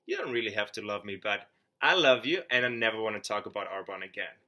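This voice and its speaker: A young man with a German accent talks straight to camera, pitching his business in an earnest, upbeat way. His voice is bright and forward, and he trips over a word now and then and restarts. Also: fast. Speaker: network marketing consultant. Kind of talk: scripted sales pitch to camera.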